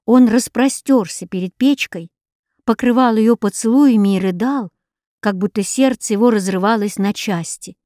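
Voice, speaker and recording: A woman reading a story aloud as an audiobook narrator, in a measured, even manner. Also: fairly high pitch, no echo, studio quality. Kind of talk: scripted narration.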